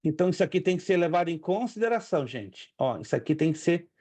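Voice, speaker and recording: A man's voice: a little high, sing-song, fast, mellow, no room sound. A man teaching a theology class as a pastor, patiently drilling Greek pronunciation and repeating key points. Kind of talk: online Greek lesson.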